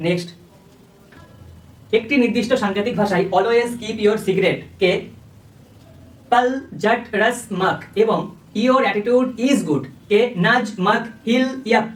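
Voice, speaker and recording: Fast-talking tutor, roomy sound. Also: mid-range voice, far from the mic. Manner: step-by-step explaining, often checks understanding. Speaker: coaching teacher. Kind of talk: exam-prep lecture.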